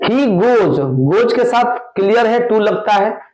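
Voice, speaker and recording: A man teaching an exam-prep grammar lesson, going slowly and repeating each answer word by word. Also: sits high, fairly even intonation, darkish tone, poor audio. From India. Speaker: English teacher.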